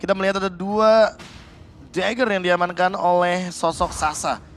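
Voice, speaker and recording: A man's voice: sits high, steady tone, moderate pace, a bit bright, slight background noise. A man with an Indonesian accent giving live analytical commentary as an esports caster.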